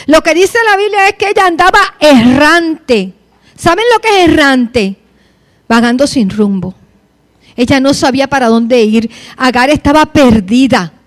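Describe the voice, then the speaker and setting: Woman preacher, high voice, reads the bible then preaches, gets fired up. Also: expressive, unhurried. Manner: reads scripture then preaches with rising passion. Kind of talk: sermon.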